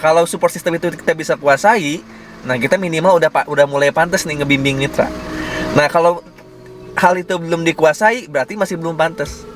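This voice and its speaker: A man's voice: on the high side, a bit bright, slight background noise. A young man coaching his sales team in a casual group session, chatty and confident, leaning on words with a bouncy intonation.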